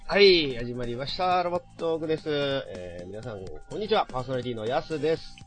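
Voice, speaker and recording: Man, podcast host, slightly nasal, lively pitch, relaxed fillers, faint background music. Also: quick pace. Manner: relaxed, filler-heavy talk with frequent "eh". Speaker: radio show host. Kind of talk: casual podcast chat.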